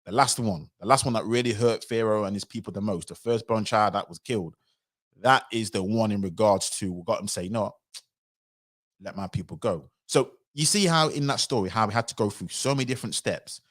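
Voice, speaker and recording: A man giving animated livestream commentary, sometimes acting out other people's voices. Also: on the low side, fairly quick. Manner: animated, acts out quoted voices.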